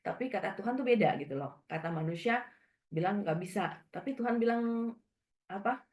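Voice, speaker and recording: A woman in her forties giving a personal testimony in church, telling her story with lively storytelling that acts out the dialogue. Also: mid-range voice, normal speed, lo-fi sound.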